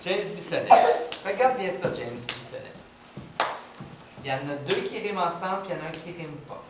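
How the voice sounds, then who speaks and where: A woman teacher with a fairly low voice patiently quizzes young children on syllables and rhymes as she reads them a story. She is picked up from far off in a very echoey classroom, with clear background noise. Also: lively intonation, fairly quick. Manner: patient, encouraging, questioning. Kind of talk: story reading with phonological awareness questions to young children.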